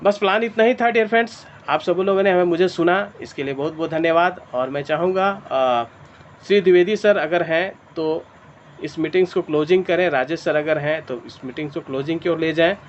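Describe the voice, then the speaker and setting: A man's voice: a little high, fairly quick. A man presenting a money plan in an online meeting, walking through the figures step by step and calling the audience dear friends. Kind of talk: sales presentation over a video meeting. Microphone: clip-on mic. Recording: dull lo-fi call audio with faint noise.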